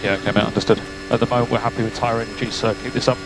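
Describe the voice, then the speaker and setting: A man's voice: medium pitch, flat delivery, very fast, rough recording. A man working as a race engineer, giving clipped, matter-of-fact updates over race car radio and repeating key figures. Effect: team radio transmission.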